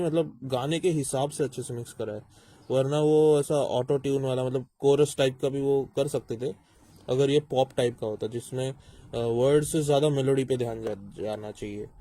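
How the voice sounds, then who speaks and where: A music reaction video host with a warm, medium-pitched voice breaks down rap lyrics in a casual, teacherly way. He thinks out loud with frequent fillers and restarts, slips English terms into his speech, and keeps checking that listeners are following.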